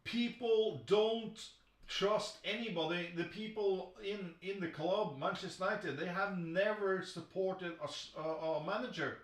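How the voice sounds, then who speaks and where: A man hosting a football chat stream. He talks excitably, swears often, and restarts his sentences a lot. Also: sits high, measured pace, reverberant, far from the mic, low-quality recording. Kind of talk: live football commentary chat.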